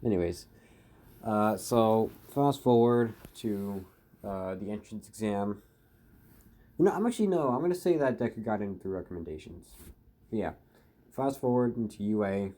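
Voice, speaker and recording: Man improvising a story, mellow low voice, rambling and unscripted. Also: animated, moderate pace, long pauses. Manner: rambling, full of fillers and restarts. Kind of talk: improvised fan story narration.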